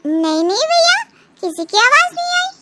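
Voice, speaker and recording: High, animated woman voice actor. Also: moderate pace, very noisy. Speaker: voice artist playing the daughter-in-law. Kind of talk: cartoon voice acting.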